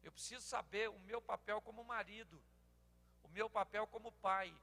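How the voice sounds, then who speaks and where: Brazilian man in his sixties, pastor, lively storytelling sermon, gravelly voice, long hall echo. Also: high voice, moderate pace. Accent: Brazilian Portuguese. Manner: animated storytelling, acts out dialogues, bursts into shouting. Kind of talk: humorous sermon.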